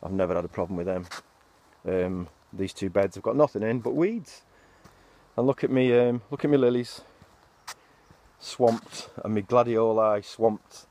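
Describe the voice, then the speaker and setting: A man's voice: fairly low pitch, a little slow, pauses often, dark tone. Chatty, breathless man outdoors. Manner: chatty, rambling, mild swearing. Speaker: allotment vlogger. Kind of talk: casual garden tour vlog. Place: outdoor allotment.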